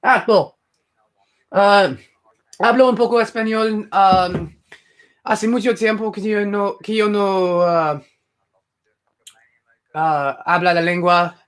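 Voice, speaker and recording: A young man, a native English speaker, hosts a casual live stream, chatting to viewers in a rambling way full of fillers and restarts. His voice is high-pitched, a bit bright and smooth, and he takes it slowly with frequent pauses.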